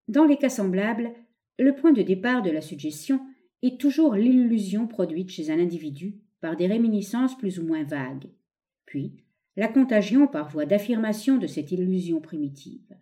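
A woman reading an essay aloud as scripted narration, expressive and leaning on key words. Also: mid-range voice, normal speed. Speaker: audiobook reader.

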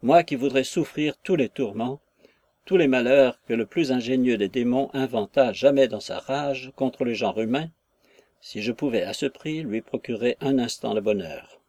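A man's voice: medium pitch, normal speed, a little mellow, no room sound, natural voice. A man reading a lovesick young hero. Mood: anguished. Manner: impassioned, effusive, with sighs and exclamations. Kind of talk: audiobook reading of a classic novel.

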